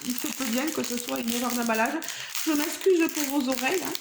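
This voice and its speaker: A woman's voice: high-pitched, brisk, vocal fry, reverberant, background noise. A woman vlogger chatting to her viewers as she unboxes a craft kit, marvelling at each item. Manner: chatty, addresses viewers directly; marvels at the items she shows. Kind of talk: casual unboxing vlog.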